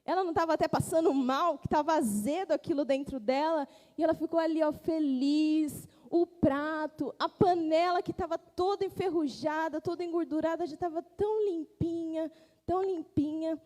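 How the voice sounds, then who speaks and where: A woman, telling an animated story to children as their teacher in a church. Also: high-pitched, normal speed. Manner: animated, pointing things out. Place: church hall. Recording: echoey church hall.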